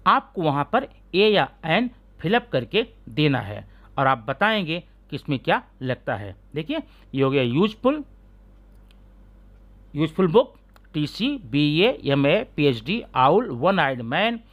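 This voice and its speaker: A man teaching English grammar in a classroom-style lesson, sounding out letters slowly and often asking his students if they follow. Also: a little high, dull audio. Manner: keeps asking students rhetorical check questions.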